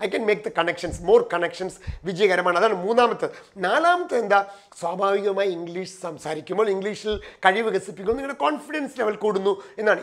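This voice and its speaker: A middle-aged man from Kerala, India, a career trainer and coach, giving a motivational talk point by point, speeding up and then slowing to stress key phrases. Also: high voice, a bit bright. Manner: numbered points, shifting between quick runs and slow stressed phrases.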